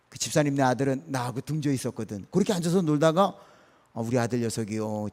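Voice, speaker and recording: A male senior pastor giving an animated early-morning sermon, speaking in a folksy, emphatic way to his congregation. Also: mid-range voice. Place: church sanctuary. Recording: long reverb of a church hall.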